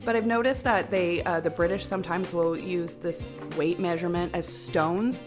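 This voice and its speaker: Woman, Midwestern, relaxed podcast co-host. Slightly low voice, music bed behind. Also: normal speed. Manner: chatty, laughs often, many fillers. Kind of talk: casual chat.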